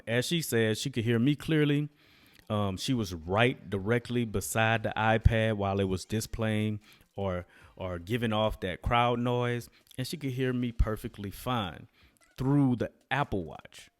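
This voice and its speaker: In a dry recording, a man with a voice on the low side tests a product casually on his vlog. As a gadget tester, he talks informally and speaks right to the people watching.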